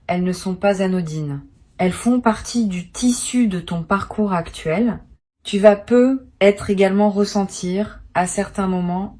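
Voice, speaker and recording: This is a woman delivering a spiritual tarot reading to a single listener. Her voice sits at an ordinary mid pitch. She speaks in a calm, measured, soothing way, as if offering quiet guidance. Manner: calm, measured, reassuring, addressing the listener directly. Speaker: tarot reader.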